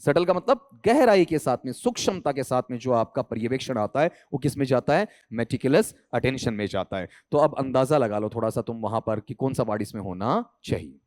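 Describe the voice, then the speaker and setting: एक पुरुष अंग्रेज़ी शिक्षक, राजस्थानी हिंदी लहजे में, परीक्षा की तैयारी का लेक्चर देता है और बार-बार छात्रों से सवाल पूछता है।. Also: male voice, brisk, hardly any pauses, no echo. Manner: lively, keeps quizzing students with "bataao" and "theek hai"; rises and drops pitch a lot for emphasis. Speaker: English teacher for competitive exams. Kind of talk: exam coaching lecture in Hindi.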